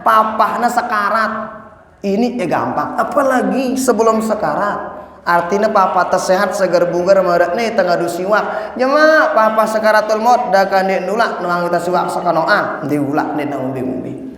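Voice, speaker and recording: A man preaching an animated sermon, speaking straight to his congregation and chanting lines of the creed. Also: high voice. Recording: echoey hall.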